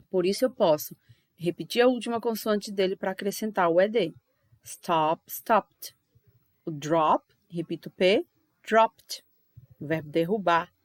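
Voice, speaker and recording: A woman with a Brazilian accent leads an online English grammar lesson. She talks patiently and repeats every example slowly and clearly. Her voice sits at a middling pitch and sounds dry and close. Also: no room sound. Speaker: English teacher.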